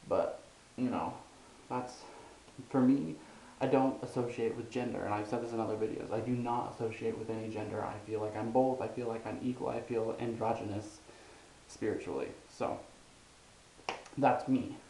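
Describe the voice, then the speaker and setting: A young man rambles through a personal vlog, pausing on ums and restarting his sentences. His mid-pitched voice bounces around a roomy, echoey space with a faint hiss underneath. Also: fairly even intonation, vocal fry, mellow. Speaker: vlogger.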